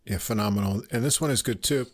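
A man co-hosting a music review podcast who answers in short, agreeing phrases. His voice is a bit low, and his talk is easy and casual. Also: quick pace. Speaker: podcast co-host. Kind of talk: casual chat.

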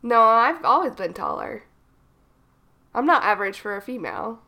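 On this lo-fi recording, a young woman co-hosting a laid-back chat podcast rambles through stories at a moderate pace, her voice a little froggy from a cold. She sits on the high side with big swings in pitch and a gravelly texture.

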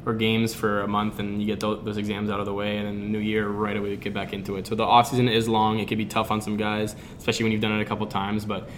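A man's voice: on the low side, monotone, fast, hardly any pauses, a little hiss or hum. A young man co-hosting a casual podcast. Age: young adult. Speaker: podcast co-host.

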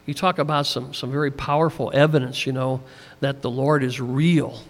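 A man's voice: mid-range voice, steady tone, normal speed. A man preaching a sermon in a conversational, folksy way, full of "you know" fillers, a little tired. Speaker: pastor. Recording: long hall reverb.

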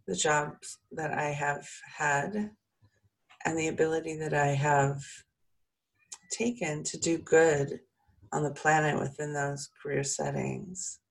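Low-pitched, creaky-voiced woman guiding meditation. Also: low-quality recording. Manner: soothing, encouraging, with casual asides. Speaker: meditation guide. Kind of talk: guided meditation, informal and chatty.

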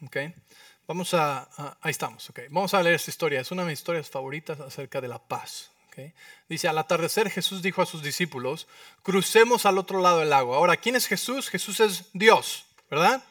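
A man preaching a sermon as pastor, lively, often asking the congregation questions. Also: a little high, dry recording. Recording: dry sound, mic at a distance.

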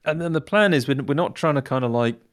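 A man's voice: medium pitch, fast. A man playing a tabletop game, talking through his plans and repeating words as he goes. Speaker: player. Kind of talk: casual tabletop game play.

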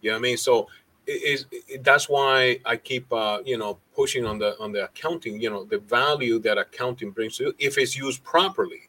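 Earnest man talking business, halting. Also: medium pitch, sharp tone, poor audio. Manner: halting, many fillers and restarts, earnest. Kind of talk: casual business chat.

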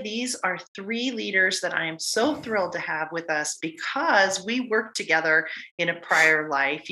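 Bright, enthusiastic woman podcast host. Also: fairly low pitch, poor audio. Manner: enthusiastic, emphatic. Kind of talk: warm guest introduction.

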